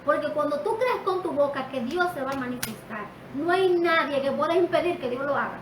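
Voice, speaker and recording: Calm high-voiced woman teaching. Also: a little fast. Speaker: co-host. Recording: distant, echoey mic with faint noise.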